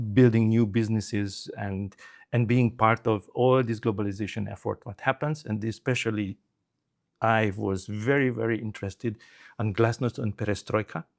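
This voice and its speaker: This former telecom executive is a middle-aged Hungarian-accented man chatting as an interview guest. His voice is lowish and a little mellow.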